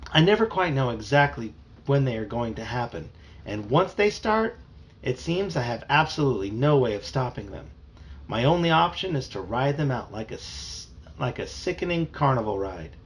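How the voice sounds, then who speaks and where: A man reading a children's novel aloud with an expressive delivery. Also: mid-range voice. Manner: animated, expressive. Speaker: storybook reader.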